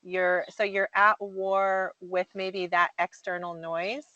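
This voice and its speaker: A woman's voice: on the low side, little pitch movement, takes it slowly, bright, forceful tone, no room sound, dull audio. A woman host talking in an agreeable, reflective way in a conversational interview.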